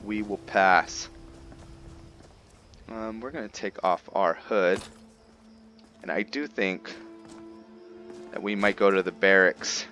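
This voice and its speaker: A gamer narrates his own roleplay playthrough in a fairly low, sharp voice, steady in tone, taking it slowly with long pauses as he thinks aloud. Video game music sits behind the slightly muffled sound.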